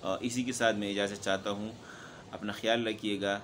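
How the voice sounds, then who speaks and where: A man who teaches Quran recitation, giving a steady instructional talk to fellow teachers and often pausing to check in with them. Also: on the low side, a little hiss or hum. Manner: steady explaining, frequent "theek hai" check-ins.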